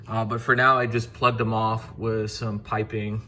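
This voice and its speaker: A man's voice: on the low side, level tone, unhurried, sharp tone, a little hiss or hum. A young man casually explaining a car repair step by step as he works in his garage, with frequent fillers. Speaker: car DIY video host. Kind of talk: casual how-to narration while working.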